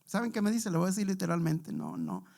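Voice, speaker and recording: A man preaching a sermon in church, telling a testimony and leading prayer, calling out to the brethren constantly while his loudness swells and drops. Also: high voice, huge pitch swings, fast, creaky. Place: church sanctuary.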